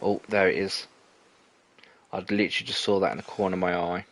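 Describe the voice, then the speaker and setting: A young man chats through a hunting game on stream. His voice sits low and deep, and he rambles along, cutting himself off and restarting his sentences. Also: flat delivery, brisk, a bit bright, slight background noise. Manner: rambling, chatty, self-correcting. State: out of breath. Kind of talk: casual gameplay commentary.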